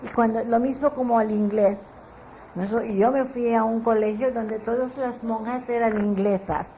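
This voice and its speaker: A woman's voice: fairly high pitch, fairly even intonation, normal speed, mellow, a little hiss or hum, poor audio. An older woman from the Philippines with a Filipino Spanish accent, being interviewed and telling family memories in a chatty, meandering way with frequent laughs at herself. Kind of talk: relaxed storytelling recollection.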